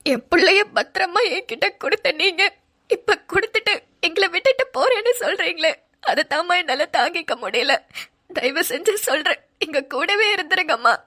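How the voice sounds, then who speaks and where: Woman doing a teary mom in a cartoon, begging, voice way up high. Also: sharp tone, exaggerated voice. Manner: pleading, tearful. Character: grateful middle-aged mother, pleading and tearful. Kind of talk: dramatic cartoon voice acting.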